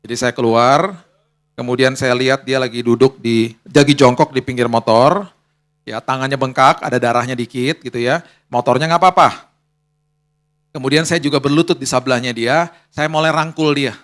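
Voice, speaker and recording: A man's voice: mid-range voice, fairly even intonation, moderate pace, fairly bright tone. A male pastor preaching a sermon in a colloquial storytelling manner, repeating his key phrases.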